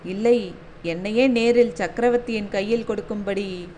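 A woman's voice: medium pitch, normal speed, dark tone, a little hiss or hum, natural voice. A woman voicing a young male warrior messenger in a storybook reading, speaking politely and deferentially. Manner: deferential, respectful.

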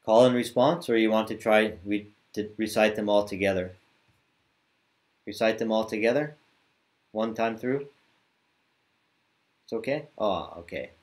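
A man teaching yoga mantra chanting over a video call, drawing out the chants slowly and talking more quickly between them. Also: fairly low pitch. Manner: slow drawn-out chanting, quicker casual asides.

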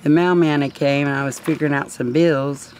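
A man with a gravelly voice telling a story in a casual interview, chuckling and acting out the voices he quotes. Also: a little high, steady tone, brisk, darkish tone, a little hiss or hum.

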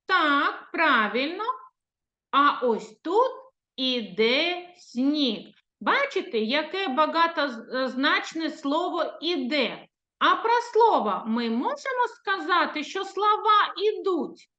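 A woman's voice: high-pitched, big pitch swings, pushed and bright. Sing-song woman teaching small children. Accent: Ukrainian. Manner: slow, sing-song teacherly speech, drawing out words. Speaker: preschool teacher. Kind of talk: recorded lesson for young children. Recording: echoey room, dull lo-fi sound.

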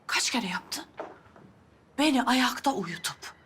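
A woman's voice: a little high, expressive, takes it slowly, bright, forceful tone, a little hiss or hum, exaggerated voice. An actress playing a middle-aged mother sharply scolding her daughter. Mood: stern.

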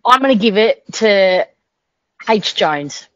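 A woman with an Australian accent co-hosts a casual football podcast, voicing her opinions confidently and emphatically. Her medium-pitched voice has lively intonation and an unhurried pace, and the recording is dull, dry, lo-fi, and free of echo.

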